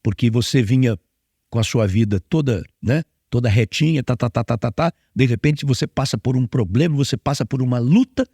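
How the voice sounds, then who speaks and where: A Brazilian pastor preaches in a relaxed, conversational way, explaining with everyday examples and asking questions of his listeners. His voice sits at a middle pitch for a man and is recorded close and dry, with no room sound. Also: a little fast, husky, no room sound. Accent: Brazilian Portuguese. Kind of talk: conversational sermon.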